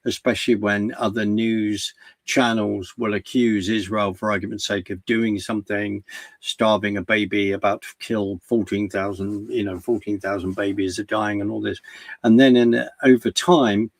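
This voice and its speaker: A man's voice: fairly low pitch, steady tone, no echo. A man giving earnest commentary in a conversation, often restarting his sentences. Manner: earnest, halting with many restarts. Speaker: guest commentator.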